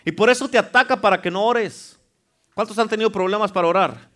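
High-pitched emphatic pastor. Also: male voice, brisk, pushed and bright. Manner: emphatic, calls for amen, jokes with the congregation. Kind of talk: sermon. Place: church.

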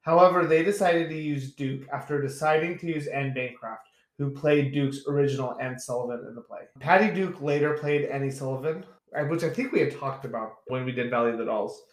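A man co-hosting a relaxed movie podcast, reading background facts from notes and breaking into laughter now and then. His voice sits at an ordinary middle pitch. The room around him gives a noticeable echo. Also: fairly quick, few pauses. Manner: laughs often, reads trivia notes. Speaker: podcast co-host. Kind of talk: casual chat.

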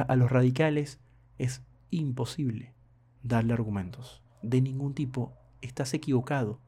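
A man's voice: mid-range voice, dark tone. A young man chatting casually to his viewers, telling a personal story in a rambling way with many hesitations and asides. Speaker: vlogger.

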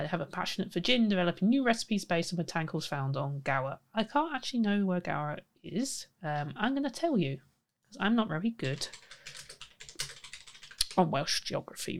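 A young woman in her twenties hosts a casual podcast. Her voice sits slightly low, and she chats in a rambling, friendly way. She giggles often and corrects herself mid-sentence. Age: 20s. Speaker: podcast host. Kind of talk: casual chat.

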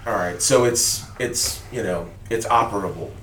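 A man with a fairly low voice talks through his plans as a player in a tabletop game, hesitant and full of restarts. He is picked up from a distance in a roomy space. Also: normal speed, fairly bright tone. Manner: hesitant, lots of fillers and restarts. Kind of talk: casual tabletop game chat.

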